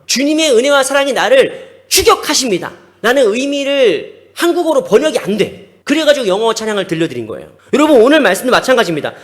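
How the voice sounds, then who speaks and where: A male pastor giving a sermon, emphatic, with rhetorical questions to the congregation in a church sanctuary. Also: very high-pitched.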